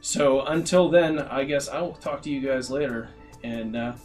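A man's voice: medium pitch, moderate pace, a little mellow. A man hosting a build stream, chatting casually and giving frank advice, rambling with many fillers and restarts. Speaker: custom fight stick builder hosting a live stream. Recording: voice a bit far from the mic, faint music behind.

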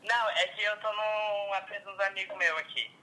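A young man with a Brazilian accent calling in as a fan, gushing and excited. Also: sits high, a little fast, a crowd in the background. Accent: Brazilian Portuguese. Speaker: fan on the phone. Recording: tinny phone line.

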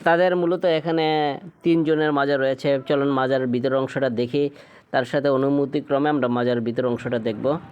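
A man's voice: medium pitch, steady tone, normal speed, darkish tone, clean tone, dull audio. A man presenting a vlog, guiding viewers around a shrine and explaining what they see. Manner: addresses viewers directly, explanatory. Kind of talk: guided tour narration.

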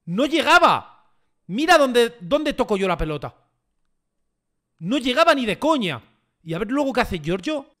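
Male gaming YouTuber, high and bright, excitable play-by-play with repeated phrases and shouts. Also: moderate pace, long pauses. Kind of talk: gameplay commentary.

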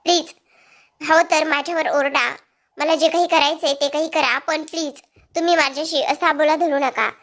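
A woman's voice: high-pitched, fairly even intonation, moderate pace, fairly bright tone. A woman voicing a young wife who pleads and apologizes to her husband. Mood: pleading.

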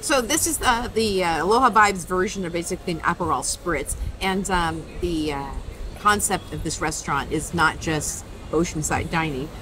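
A woman's voice: on the low side, moderate pace, low-quality recording. A woman hosting a local vlog, interviewing business owners in a casual, upbeat way with plenty of ums. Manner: upbeat, chatty, many ums. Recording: camera audio with steady background noise.

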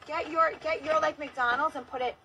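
This livestream host, a woman in her thirties, swears freely as she chats bluntly from inside a car. Her high-pitched voice is steady, bright and forceful, and she speaks at a normal pace. The recording comes from a phone held at arm's length, with car noise around her.

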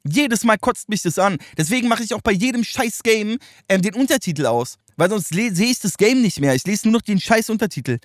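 A man's voice: high voice, lively intonation, a little fast, few pauses, no room sound, clean studio sound. A man giving loose, slangy reaction commentary, chatting and laughing often. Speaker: streamer reacting to rap videos.

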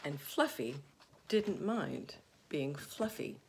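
Woman storyteller for a picture-book reading, low-pitched, slow and expressive. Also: slight background noise.

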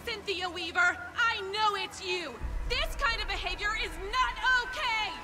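Brief: a scolding woman in panic, piercing and slow, music behind. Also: a faint crowd, exaggerated voice. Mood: frantic. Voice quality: shrill, scolding shouts. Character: frantic woman calling after a man.

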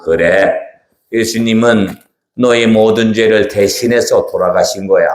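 A man voicing a gentle teacher in a live children's church puppet show, calmly explaining and reassuring. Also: lowish voice, measured pace, lightly acted. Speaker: pastor performing. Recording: echoey church hall, faint music.

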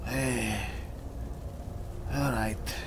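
A man role-playing a boisterous barbarian adventurer in halting, exclamatory video game commentary. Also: mid-range voice, steady tone. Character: boisterous male barbarian adventurer eager to fight. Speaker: player and host of a role-play gaming series. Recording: clear background noise, game ambience.

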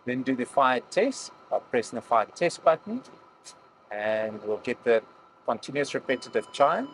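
A man explaining a cockpit preparation as a pilot instructor, calmly going through each check in a cockpit. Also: medium pitch, moderate pace, a little hiss or hum, low-quality recording. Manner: calm, explains each step plainly. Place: aircraft cockpit.

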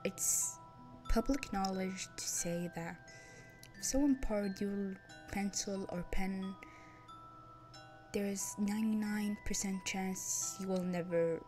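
Young woman gamer, playful and chatty, unhurried delivery, faint music behind. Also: mid-range voice, mellow. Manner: playful, chatty, laughs at herself. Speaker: streamer. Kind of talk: game playthrough, reading dialogue aloud.

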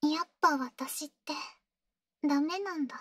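A clingy, insecure young girlfriend in an ASMR role-play audio drama, sweet yet eerily obsessive. Her voice is extremely high and girlish, with slow, halting, pleading delivery. It sounds close and dry. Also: dry recording. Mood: anxious, self-loathing.

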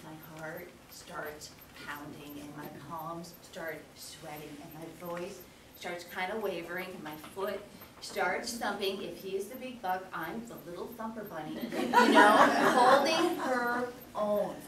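A middle-aged woman giving a storytelling lecture as guest speaker, animated and often checking in with the audience by asking "okay?". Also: on the low side, measured pace. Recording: echoey hall, distant mic, background noise.

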